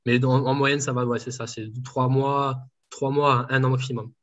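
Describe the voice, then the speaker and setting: Man, dietitian interviewee, halting delivery, dull lo-fi call sound. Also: medium pitch, flat delivery, a bit bright. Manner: hesitant, many fillers and restarts. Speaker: home enteral nutrition dietitian. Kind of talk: casual interview answers.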